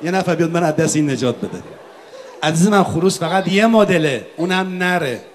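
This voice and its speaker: A man's voice: on the high side, lively intonation, some chatter behind, slight background noise. A man hosting a comedy sketch on stage, playing the exasperated straight man. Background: live audience.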